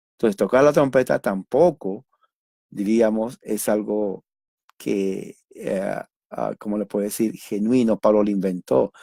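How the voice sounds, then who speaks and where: A man preaching an expository Bible lesson in a conversational way, often tagging sentences with questions, pausing on fillers and rephrasing his points. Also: mid-range voice, a little mellow, no echo, studio quality. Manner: conversational, frequent "¿no?" tag questions and hesitant fillers; repeats and rephrases points while explaining.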